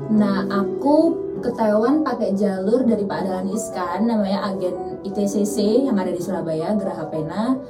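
A woman's voice: medium pitch, normal speed. A young woman, a student guest in a casual interview, friendly and laughing often. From Indonesia. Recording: distant mic with loud background music.

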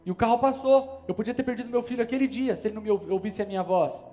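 High-voiced Brazilian pastor preaching emphatically. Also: male voice, rapid-fire, dark tone, faint music behind. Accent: Brazilian Portuguese. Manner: emphatic, preaching with rising force and sudden calls. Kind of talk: sermon. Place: church service.

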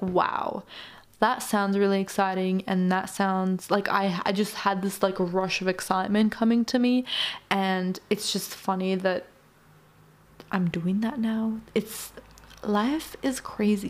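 Chatty, earnest young woman podcaster. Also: medium pitch. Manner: chatty, earnest, addresses listeners as "you guys". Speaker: podcast host. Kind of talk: motivational solo podcast talk.

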